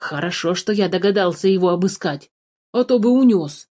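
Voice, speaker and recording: A woman voicing a greedy, fussy old male dwarf in a storybook reading, excitable and quick to curse. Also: mid-range voice, lightly acted. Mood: indignant. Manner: fussy, excitable, keeps cursing.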